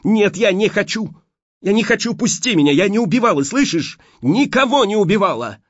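A terrified young woman cries out and begs in high, straining tones, as a man puts her on. Her pitch swings widely with desperation. The recording is dull and dry. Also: animated, slow pace, slightly rough, dry recording, exaggerated voice. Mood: desperate.

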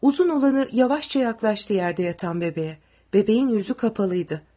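A woman narrating an audiobook with steady, dramatic storytelling. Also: medium pitch, moderate pace.

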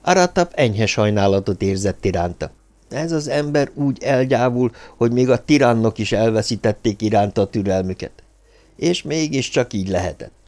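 A man reading a novel aloud as audiobook narrator, in an even, measured way. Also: mid-range voice.

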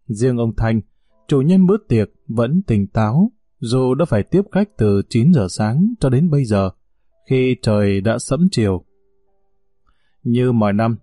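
A man narrating short stories in a measured storytelling manner. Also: no room sound, studio quality. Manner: measured storytelling, lively pitch. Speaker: audiobook narrator.

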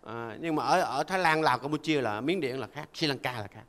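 A man's voice: medium pitch, brisk, fairly bright tone. Older man, Buddhist monk, folksy sermon, keeps asking listeners to agree, long hall reverb. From Vietnam. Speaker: Buddhist monk giving a dharma talk. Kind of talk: conversational sermon.

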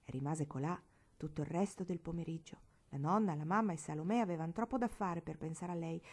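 Expressive woman reading a story aloud. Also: low-pitched, fairly quick, slightly rough. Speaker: audiobook reader. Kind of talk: expressive audiobook narration.

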